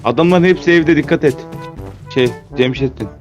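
A man's voice: a little high, moderate pace, highs cut off, faint music behind. A man on a headset calling out positions and instructions to his teammates during a game. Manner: directing teammates, insistent. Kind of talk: casual gaming chat with friends.

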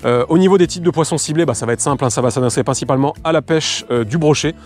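Fast-talking guy explaining outdoors. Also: a little high, darkish tone. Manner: fast, loose explanations with many fillers. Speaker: fishing lure presenter. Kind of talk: casual product demo. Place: outdoors by the water.

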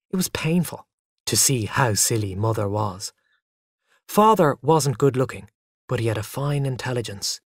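A narrator telling a first-person story for English learners in a lively way. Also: medium pitch, dry recording, studio quality.

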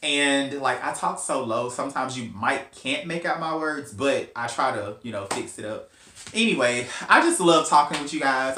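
Here a hair stylist vlogger talks through a casual tutorial, wandering off into playful asides. His voice leans high, bright and forceful, and the audio is roomy with a faint background hum.

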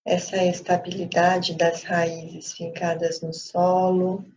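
This Brazilian woman, a meditation teacher, guides listeners with calm, brief phrases and lengthy pauses. She has a fairly low voice, captured on a muffled lo-fi recording with a little noise behind it.

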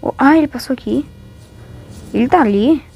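A woman's voice: high-pitched, moderate pace, breathy edge, highs cut off. A woman with a Brazilian accent giving casual, exclamatory, complaining commentary as a gamer playing along.

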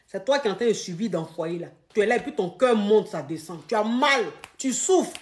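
A woman giving relationship advice in a lively, emphatic monologue, acting out scenes and repeating points for emphasis. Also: medium pitch, brisk.

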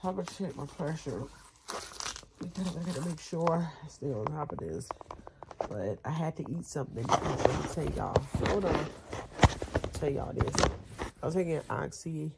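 An American vlogger in her thirties, recovering from nose surgery and nursing a headache, chats casually to camera while reclining in bed in her bedroom. Her low-pitched voice is congested and nasal, with lively intonation but a tired, halting delivery. The home camera or phone sits close by, and the background noise is clear.

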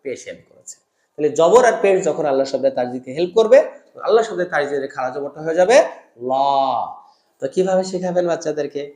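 A man teaching Quran reading, drilling rules in call-and-response and drawing out recited words slowly. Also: on the high side, a little mellow, echoey room. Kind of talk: step-by-step lesson with slow drawn-out recitation drills.

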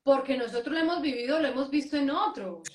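Brief: Colombian woman host, high-pitched and enthusiastic, roomy live-stream sound. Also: animated, fast. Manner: enthusiastic, affectionate.

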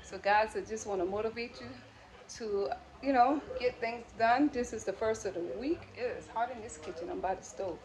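Speaking at a moderate pace in a slightly mellow, higher-pitched voice, a middle-aged woman vlogs from her home kitchen with a casual motivational chat, folksily calling viewers friends and y'all. The audio is poor, with a little hiss or hum.

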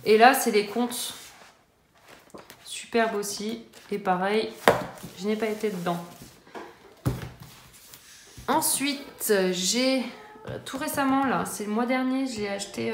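A woman in her thirties casually chatting about her coloring books, full of fillers and restarts. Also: fairly high pitch. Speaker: coloring-book vlogger. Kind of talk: casual chat showing her book collection. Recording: echoey room with faint noise.

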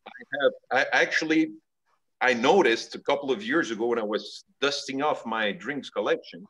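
A middle-aged man from Belgium, a guest telling stories in a relaxed way over a video call from his home study. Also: mid-range voice, normal speed, slightly rough, rough recording. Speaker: guest, cigar company executive.

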